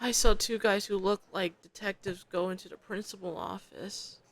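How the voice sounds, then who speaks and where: A woman's voice: mid-range voice, fairly even intonation, moderate pace. A young woman streamer reading a visual novel aloud, dropping chatty, slangy asides between narration.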